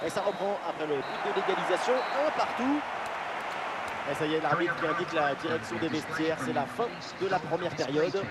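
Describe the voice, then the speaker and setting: A man playing an excited football play-by-play commentator, calling names in clipped bursts and surging on big plays. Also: fairly high pitch, brisk, over a noisy crowd, heavy background noise, lightly acted. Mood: keen, engaged.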